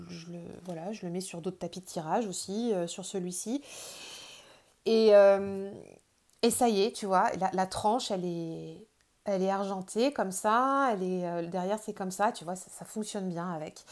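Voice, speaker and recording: A woman's voice: medium pitch, darkish tone. A woman with a French accent casually showing her tarot decks, chatty and hesitant, with many fillers and restarts. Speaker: tarot video host.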